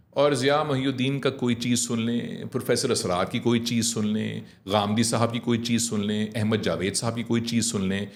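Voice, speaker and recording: Brief: middle-aged man, communication coach, lively and demonstrative, average pitch. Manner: animated, mixing English phrases, demonstrating slow clear diction. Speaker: communication trainer, guest. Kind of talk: conversational coaching.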